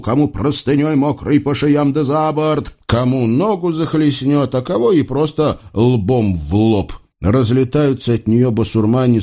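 A man narrating a folk tale as an expressive audiobook reading. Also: medium pitch. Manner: lively folk-tale storytelling.

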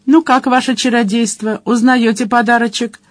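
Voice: mid-range voice, little pitch movement, normal speed, dry recording, voice pushed up, natural voice. A reader voicing a brash, streetwise male otter rogue who teases his companions with slangy banter in an audiobook. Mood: teasing. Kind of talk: audiobook character voice.

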